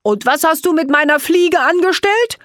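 A woman's voice: high-pitched, normal speed, no room sound, clean studio sound, pitched above the performer's own voice. Woman doing a huffy gingerbread man. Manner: huffy and excited. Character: excitable male gingerbread man.

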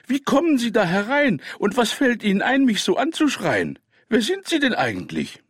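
Brief: a man playing a feisty storybook grandmother, high falsetto-like pitch, loud and indignant. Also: wildly swooping pitch, normal speed, slightly rough, no room sound, heavily acted. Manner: shrill, indignant scolding. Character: indignant old grandmother, spirited and unafraid.

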